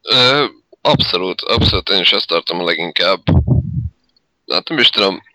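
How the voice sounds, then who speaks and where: A man's voice: low voice, animated, sharp tone, no room sound, poor audio. A man casually discussing superhero films with a fellow reviewer, hedging his points with fillers. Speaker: film reviewer co-host. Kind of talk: casual film review chat.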